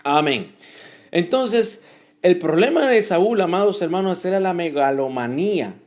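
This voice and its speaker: A man preaching a sermon with animated exclamations, acting out little scenes and repeating phrases for emphasis. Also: high-pitched, a little slow.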